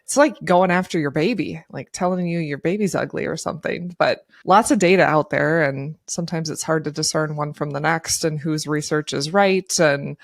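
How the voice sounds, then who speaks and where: A woman co-hosting a podcast, explaining her points conversationally with animated asides. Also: sits low, normal speed, vocal fry, hardly any pauses, no echo, clean studio sound. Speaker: podcast co-host, TV ad agency marketer.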